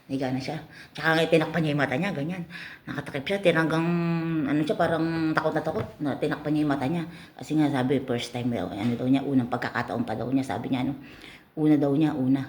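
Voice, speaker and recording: Low-voiced woman telling a joke. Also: quick pace, darkish tone, slight background noise. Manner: folksy, keeps adding tag phrases. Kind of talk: casual joke storytelling.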